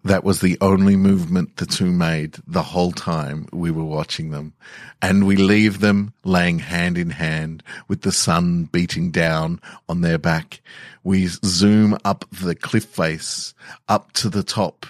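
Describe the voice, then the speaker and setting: A man narrating an improvised scene slowly and descriptively, with a few fillers. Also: deep voice, fairly even intonation, no echo, studio quality. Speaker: storyteller.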